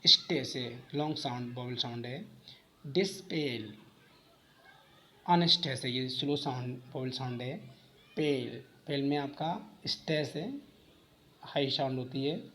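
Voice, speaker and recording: Brief: male teacher, exam-prep lesson, rhetorical self-questions, mid-pitched. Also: normal speed, bright, forceful tone, slight background noise. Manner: explains step by step, asks and answers own questions.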